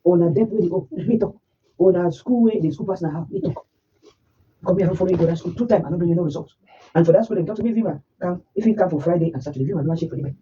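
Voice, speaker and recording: A woman's voice: lowish voice, dark tone, recorded from a distance, highs cut off, a little hiss or hum. A woman with a Nigerian Pidgin accent, a mother scolding her child in a heated family argument. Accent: Nigerian Pidgin English. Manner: scolding, rapid and insistent.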